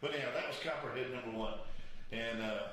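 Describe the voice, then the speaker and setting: A man's voice: medium pitch, fast talker, fairly bright tone. Rambling male host in an echoey room. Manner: rambling storyteller, easygoing and joking. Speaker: show host. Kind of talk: casual chat. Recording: echoey room with faint noise.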